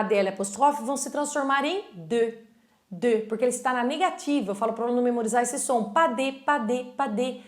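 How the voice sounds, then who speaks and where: A woman with a high voice teaches an online language lesson. She explains patiently and slows down to say each example phrase clearly. The room around her gives a noticeable echo. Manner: clear, slow modeling of French phrases between explanations. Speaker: French teacher.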